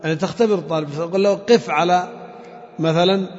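A man teaching a classroom lesson on Quran recitation, drilling examples slowly, chanting phrases and quizzing his students. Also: sits high. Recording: long reverb, dull lo-fi sound.

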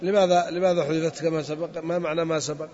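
A man teaching a grammar lesson to a class. He drills the students with questions and drags out the example words slowly. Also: on the high side, little pitch movement, a little mellow, slight background noise. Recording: dull audio with long reverb.

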